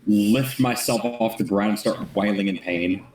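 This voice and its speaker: A man's voice: fairly low pitch, normal speed, darkish tone, echoey room, rough recording. Eager joking young male player. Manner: eager, joking, stumbles over repeated starts. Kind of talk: casual tabletop game chat.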